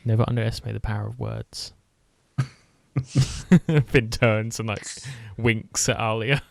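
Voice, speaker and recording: Gravelly-voiced man playing a cleric. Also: on the low side, fairly even intonation, takes it slowly, no room sound. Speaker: player. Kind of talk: casual tabletop game chat.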